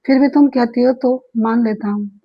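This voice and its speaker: A woman voicing a calm, reassuring young man in a read-aloud story, reasoning steadily. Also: a little high, normal speed, husky, dull audio.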